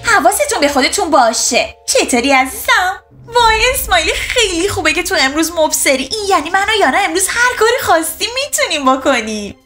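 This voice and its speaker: A chatty, sassy young schoolgirl speaks in a very high, piping voice. She is dramatic and quick to take offence in this dubbed kids' video drama. Clear music plays behind her. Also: sing-song, sharp tone, full character voice. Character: lively young schoolgirls Diana and Yana. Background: background music.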